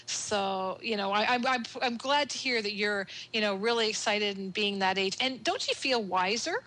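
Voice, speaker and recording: Bright upbeat Canadian radio host. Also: female voice, mid-range voice, moderate pace. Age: 40s. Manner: upbeat, enthusiastic chatter. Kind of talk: casual radio interview.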